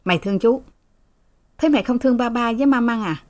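A woman's voice: a little high, fast talker, a little mellow, voice pushed up, natural voice. A woman reading a story, voicing an irritable, sleepy father who scolds his children. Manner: scolding, curt.

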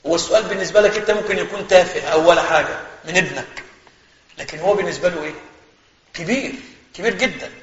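An Egyptian sheikh gives a religious lesson in a quick, high, animated voice, chatting straight to his listeners. His speech rings through a long, echoey hall. The recording sounds slightly muffled. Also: slight background noise. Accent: Egyptian Arabic. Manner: conversational, animated storytelling, addresses listeners directly.

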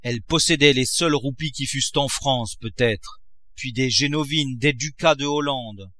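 A man voicing a furious, miserly old father who shouts and mocks. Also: medium pitch, normal speed, lightly acted. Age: older. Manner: shouting, explosive, mocking.

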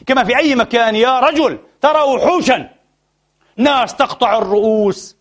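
A man preaching an impassioned sermon, addressing his listeners as brothers and swinging between soft and loud delivery, saddened and frustrated. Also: very high-pitched, moderate pace. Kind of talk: Friday sermon.

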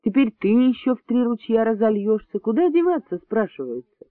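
A man reading an audiobook voices a calm, firm male hospital doctor who speaks quietly and weightily. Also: extremely high pitch, moderate pace, dry recording, voice pushed up. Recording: dry, tinny phone-like sound.

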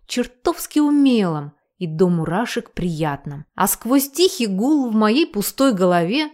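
A woman narrating a first-person audiobook with an expressive reading. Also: mid-range voice, measured pace.

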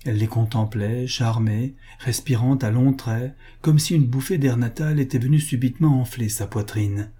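A man giving a steady, measured scripted narration of a classic novel as an audiobook reader. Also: medium pitch, breathy edge.

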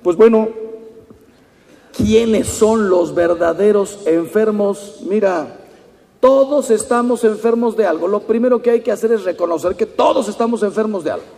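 Mexican priest, 50s, fairly high raspy voice, telling stories, big echoey hall. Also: male voice, normal speed. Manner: storytelling, animated, mimics people in quotes. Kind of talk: conference talk with anecdotes. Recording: long hall reverb.

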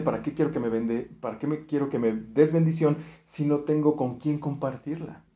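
A man's voice: fairly high pitch, dark tone. A man preaching a sermon, earnest, acting out quoted prayers and often restarting his words. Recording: echoey room.

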